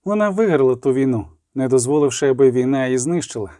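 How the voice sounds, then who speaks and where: Guy doing an old motherly priestess, warm mellow voice, lively. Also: mid-range voice, fast talker, no echo, studio quality, close to an everyday voice. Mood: reflective. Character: plump older priestess, motherly, proud.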